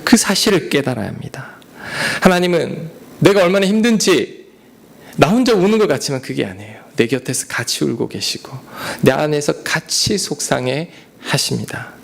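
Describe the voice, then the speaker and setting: A male pastor delivering a sermon earnestly, swinging from loud rises to soft whispered asides. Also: fairly high pitch, expressive, moderate pace, vocal fry.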